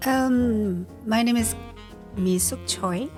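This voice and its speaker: An older woman from South Korea with a Korean accent, answering interview questions slowly, with many pauses and fillers. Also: fairly high pitch, a little mellow, soft background music. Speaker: guest. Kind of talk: casual interview.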